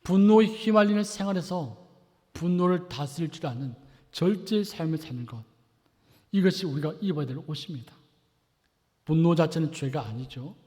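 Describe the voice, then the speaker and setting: A man preaching a sermon as pastor, asking the congregation rhetorical questions and swinging between loud and soft. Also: fairly high pitch, expressive, moderate pace. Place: church sanctuary. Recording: long reverb of a church hall.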